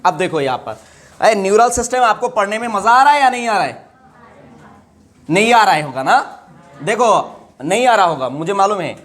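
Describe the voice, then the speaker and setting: Quizzing high-voiced male biology teacher. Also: lively intonation, normal speed, long pauses, fairly bright tone. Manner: repeats questions and asks students to answer back; mixes English terms into Hindi speech. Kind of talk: classroom lecture.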